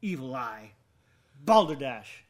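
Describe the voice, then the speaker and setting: A man's voice: mid-range voice, sing-song. An actor playing a proud, troubled younger man in a drama, speaking in formal, brooding phrases. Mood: scornful, agitated. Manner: measured, brooding, formal diction. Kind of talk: dramatic acted monologue and dialogue.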